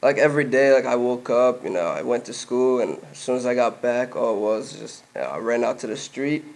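Young guy from egypt, arabic his first language, gravelly voice, chill and hesitant, sitting in a gym studio. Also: medium pitch, brisk. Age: young adult. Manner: relaxed, hesitant, many fillers. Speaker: guest, soccer player. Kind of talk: casual interview. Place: indoor gym studio with jerseys on the wall.

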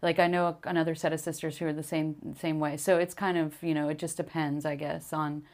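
Woman, late 30s, from New Jersey, podcast co-host, giggly, animated storyteller, slightly low voice. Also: fairly quick. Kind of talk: casual chat.

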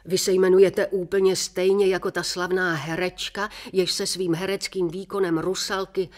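A woman's voice: fairly low pitch, flat delivery, lightly acted. A woman reading as an eager male actor. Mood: amazed.

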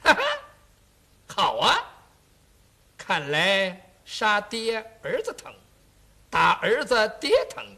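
A villainous military marshal, sarcastic and domineering, swinging between mocking lilts and loud barked commands, as a male storyteller acts him out. The voice is bright and sharp, with a husky edge. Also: sits high, big pitch swings, slow pace, pauses often, exaggerated voice. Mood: mocking commanding. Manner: sarcastic, barking orders.

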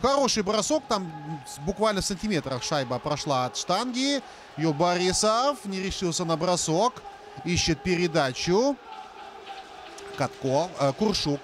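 A man with a rather high voice commentates live on a hockey match. Clear ice-rink noise runs behind his speech. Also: very animated, measured pace. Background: noisy ice rink ambience.

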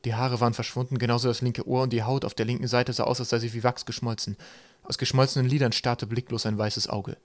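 A man reading an audiobook aloud in steady, even storytelling narration. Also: medium pitch, fast talker, no echo.

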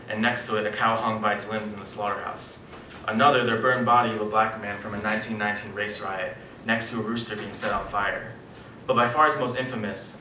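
A young man from New York, breathless from altitude sickness, reads a prepared academic paper at a conference in a wood-panelled room. His voice is fairly low, bright, and forceful. The mic is distant, and the room is echoey with background noise.

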